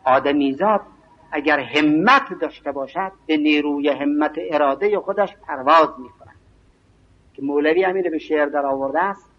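A man giving an evening religious lecture, speaking slowly and emphatically and reciting scripture and verse. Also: on the high side. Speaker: preacher. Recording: dull lo-fi recording.

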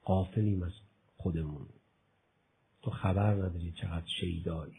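Guy preaching a sermon, gravelly dark voice, acts out little back-and-forth chats with the crowd, goes from quiet to fiery. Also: sits low, fairly even intonation, low-quality recording. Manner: acts out both sides of imagined dialogues with listeners; swings from soft murmur to loud impassioned exclamation. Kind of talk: religious sermon.

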